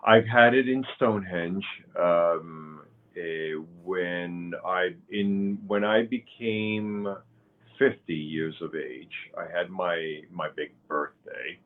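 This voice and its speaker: Slow, deep-voiced man on a thin line. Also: narrow, tinny audio. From Cuba. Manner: slow, halting, with many fillers and restarts. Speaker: guest, author and pagan high priest. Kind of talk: interview conversation.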